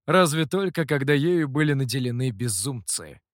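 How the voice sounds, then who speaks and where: A man's voice: mid-range voice, lively intonation, no room sound, natural voice. A man playing a dry, cunning old master. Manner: dry, measured, wry. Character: calm, dry, cunning male master, older mentor. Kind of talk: audiobook character voice.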